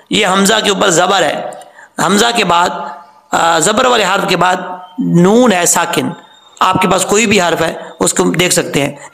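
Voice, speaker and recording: A man with a high, gravelly voice gives a Quran pronunciation lesson. He explains the rules plainly and draws out sounds slowly so learners can copy them. The room has an echo. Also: sharp tone. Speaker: Quran recitation teacher. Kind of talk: tajweed lesson.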